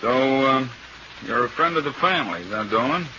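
Blunt old-time radio beat cop. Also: male voice, medium pitch, animated, normal speed, pushed and bright. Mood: probing, stern. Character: blunt, suspicious small-town police detective, former homicide man. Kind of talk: 1940s radio crime drama acting. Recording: muffled, noisy old radio recording.

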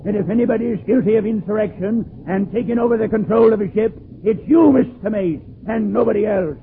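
An actor playing a stern but fair sailing ship captain, salty and authoritative, in old-time radio adventure style. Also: male voice, sits high, a little fast, vocal fry. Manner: salty, authoritative, sardonic toward his mate. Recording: muffled old radio recording, loud sea noise.

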